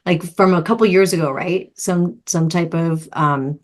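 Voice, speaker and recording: A woman co-hosting a podcast, talking in a relaxed, chatty way. Her voice sits a little low for a woman. She is enthusiastic and drifts through fillers as she thinks aloud. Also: measured pace. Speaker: podcast co-host. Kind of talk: casual chat.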